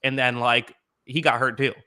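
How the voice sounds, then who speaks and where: A man's voice: mid-range voice, little pitch movement, normal speed, bright, forceful tone, clear, resonant tone. A man hosting a sports podcast, chatting casually about football with many fillers and restarts.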